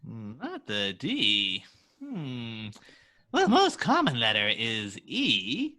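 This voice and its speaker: A gleeful comic-book supervillain, with a pitch that leaps all over the place. He taunts theatrically and very slowly, with playful menace in a bright, piercing tone. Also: huge pitch swings, full character voice. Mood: mock-pondering menace. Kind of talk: script table read, villain acting.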